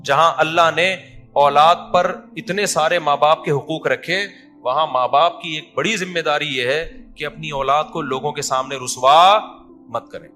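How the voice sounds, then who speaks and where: Male preacher, sharp bright tone, slightly high voice, lively anecdotal sermon, faint music behind.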